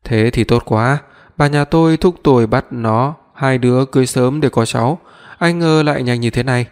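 A man doing a calm, soothing older father. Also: mid-range voice, normal speed, lightly acted. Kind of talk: audiobook reading. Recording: long reverb.

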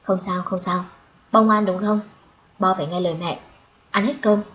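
A woman reading the part of a gentle, kindly man who talks softly and coaxingly to a small child in an audiobook story. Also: medium pitch, fairly even intonation, moderate pace, a little hiss or hum, lightly acted, rough recording.

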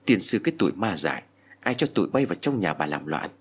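A man voicing a sharp-tongued old village grandmother who scolds gruffly, within a told horror story. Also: deep voice, sing-song, quick pace, exaggerated voice. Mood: scolding.

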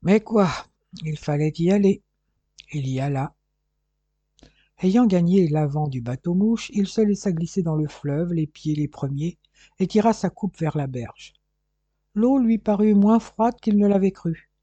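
A man reads a crime novel aloud as an audiobook narrator, keeping an even, measured pace. His voice is dark and mellow, a little husky, and sits slightly high for a man. The sound is dry and close. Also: dry recording, muffled recording.

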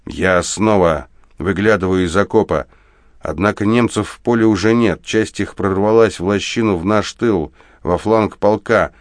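A man narrating first-person war prose in a steady, grim, measured audiobook reading. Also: lowish voice, no echo, clean studio sound.

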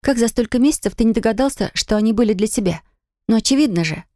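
A woman's voice: fairly high pitch, expressive, fast, dark tone, no echo, studio quality, pitched above the performer's own voice, natural voice. A woman voicing a hurt, defiant young pregnant wife who talks in a bitter, reproachful way.

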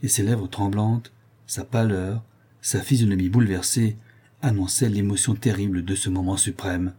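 A man narrating a novel as an audiobook in a measured, dramatic reading style. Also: fairly low pitch, fairly even intonation, mellow, breathy edge. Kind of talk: scripted narration.

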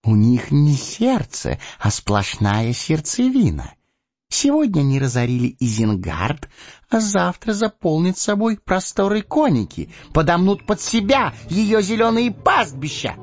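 Saruman, the scheming old wizard, voiced by a man, talks in a husky, coaxing purr that climbs and dips widely while staying slow and measured. Every word sounds ingratiating and calculated. The recording is dry, dull and lo-fi, with faint music underneath. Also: a little high, big pitch swings, no room sound, exaggerated voice. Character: old male wizard, cunning, silky, persuasive.

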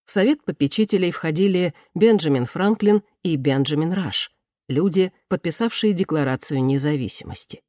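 An audiobook narrator reading a period novel in an even, measured way. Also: mid-range voice, dry recording, clean studio sound. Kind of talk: scripted narration.

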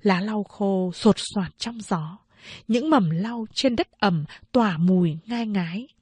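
A woman reading a novel aloud as an audiobook narrator, in measured, unhurried storytelling. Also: medium pitch, darkish tone, slightly rough, no echo.

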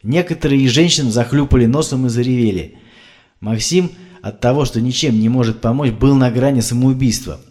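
A man reading an audiobook aloud, acting out shouted rescue dialogue as he narrates. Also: medium pitch, brisk. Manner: acts out shouted rescue dialogue, rising and loud for cries.

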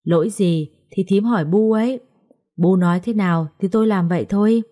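A woman's voice: mid-range voice, fairly quick, warm tone, natural voice. Spiteful sneering sister-in-law, voiced by a woman. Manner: sneering, condescending. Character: spiteful scheming elder daughter-in-law.

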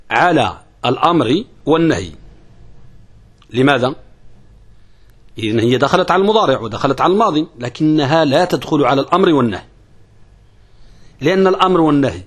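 In this classical grammar lesson, the male teacher's voice is a little high and slightly rough. He asks questions, supplies the answers on his own, and keeps returning to key phrases, with an uneven rhythm that stretches certain words and rushes others.

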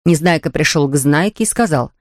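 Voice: medium pitch, lively intonation, a little fast, dry recording, clean studio sound. A narrator reading a children's storybook aloud, switching into voices for the characters.

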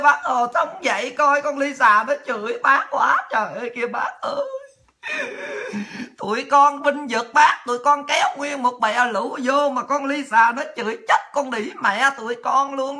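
A woman's voice: high-pitched, pushed and bright. A woman mocking a wailing regime shill. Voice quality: whiny, wailing lament. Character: whining pro-regime online shill, pleading.

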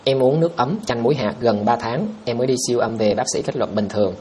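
A man hosts a casual livestream, reading out viewer comments and answering them directly in a blunt, scoffing manner. His voice is medium-pitched, fast and darkish, with a little hiss or hum.

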